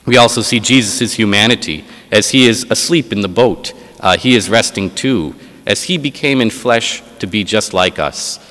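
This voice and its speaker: Lowish-voiced priest in a reverberant church. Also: male voice, a bit bright. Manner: measured reading, then unscripted preaching with frequent uh fillers. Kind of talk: gospel reading and homily. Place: large church.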